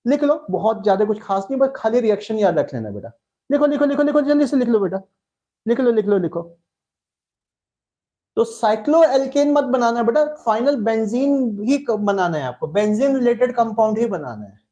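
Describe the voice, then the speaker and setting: A man's voice: sits high, very animated, normal speed, dark tone, dull audio. A man with an Indian accent teaching a live online chemistry class, coaxing his students and repeating key words.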